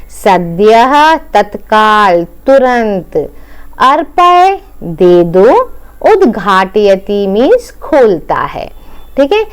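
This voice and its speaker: A woman's voice: medium pitch, clear, resonant tone. A woman teacher explaining a Sanskrit lesson in Hindi, going word by word, repeating each meaning and checking in with her students. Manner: addresses students as "बेटा".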